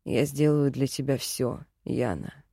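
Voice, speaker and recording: Brief: gentle young male elf, deep and hushed, read by a woman narrator. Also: fairly even intonation, measured pace, gravelly, slightly rough, no room sound, studio quality, full character voice. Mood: tender. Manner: soft, low and earnest. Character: tender, devoted male elf, young adult.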